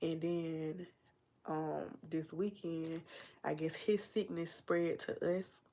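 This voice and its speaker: Slow, low, and fairly even, this young woman's voice is gravelly and dark, her nose stuffy from a cold. As a livestream host she chats casually and rambles, wandering through fillers and asides.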